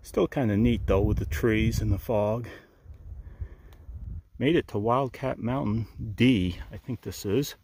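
A man's voice: lowish voice, unhurried, a little mellow, breathy edge, low-quality recording. An older man vlogging while climbing a wet mountain trail, talking in a laid-back, wry way and chuckling to himself, with the camera held at arm's length. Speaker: thru-hiker vlogger. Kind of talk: casual trail vlog. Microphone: handheld camera at arm's length.

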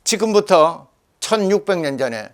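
Older guy w jeolla dialect lecturing, high voice that jumps around, scolds a lot. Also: sing-song, normal speed, smooth. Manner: forceful, scolding, rambling with dialect words. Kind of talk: animated lecture.

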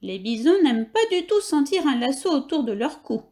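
A woman reading a children's picture book aloud in a high-pitched voice. Her storytelling is lively and expressive. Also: normal speed. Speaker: reader.

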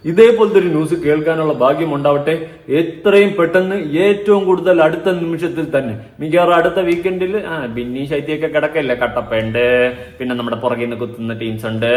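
Fast-talking sarcastic young man vlogger. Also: on the high side. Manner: mocking, sarcastic, lecturing. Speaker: vlogger and show commentator. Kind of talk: reaction vlog commentary. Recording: echoey room.

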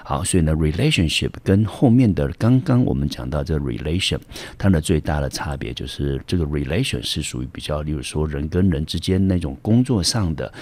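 A high school English teacher with a rumbling low, husky voice leads a vocabulary lesson in Mandarin with a Taiwanese accent. He works through each word step by step, his speech full of fillers.

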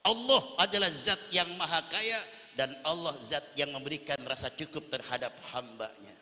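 A man's voice: fairly high pitch, moderate pace, bright, forceful tone. A man preaching a sermon at a religious gathering, teasing the crowd with questions. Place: large hall at a religious gathering. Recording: echoey hall.

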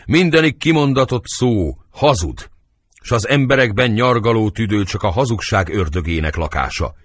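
Guy reading a play doing a raging noble guy, fiery and bitter, low husky voice, swings up and down a lot. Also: animated, no echo, clean studio sound. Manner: fiery outbursts, bitter growling. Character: hot-tempered cursing adult male nobleman. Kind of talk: audiobook drama reading.

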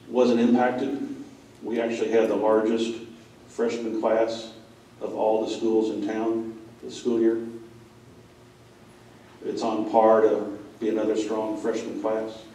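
A man's voice: mid-range voice, mellow, a little hiss or hum. A middle-aged man, a school president, giving a plainspoken conference talk to a seated audience, telling stories with asides to the listeners. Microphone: far room mic. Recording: echoey room from far off.

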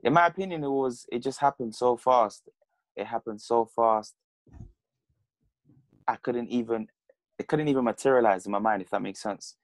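This interview guest, a French-speaking boxer in his twenties from Congo, Zambia and the UK, talks casually over a video call on earphones from a plain room at home. He speaks in a mid-range voice at a moderate pace, pausing often, with no room sound.

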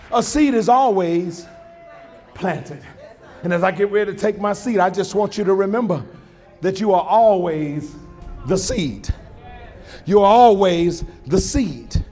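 A male pastor preaching a sermon with call-and-response, swinging from shouts to hushed lines. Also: high-pitched. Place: church sanctuary.

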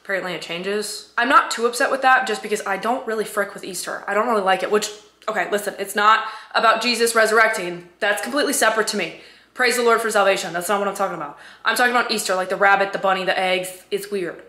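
A woman's voice: medium pitch, quick pace, sharp tone. A woman in her twenties chatting casually to camera in a slangy, dryly joking way, her voice cracking from a sore throat. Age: 20s. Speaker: vlogger. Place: living room at home. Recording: roomy indoor echo.

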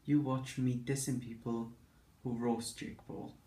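A man's voice: medium pitch, little pitch movement, measured pace, warm tone. A young man in a casual vlog, sarcastically reading out comments and giving dry comebacks, recorded in an echoey room with the camera at a distance. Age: young adult. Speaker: vlogger. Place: small indoor room at home. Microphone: camera mic a little away.

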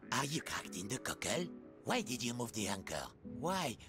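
An actor voicing a rude, pompous male hermit crab in a video game, with a gravelly voice. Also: medium pitch, big pitch swings, normal speed, over music. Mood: scolding.

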